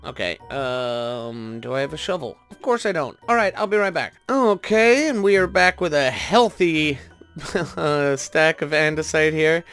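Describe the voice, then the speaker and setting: A man hosts a gaming video, offering casual commentary and frequently second-guessing himself as he thinks out loud. His voice is on the high side, a bit bright, and unhurried, with background music running behind it.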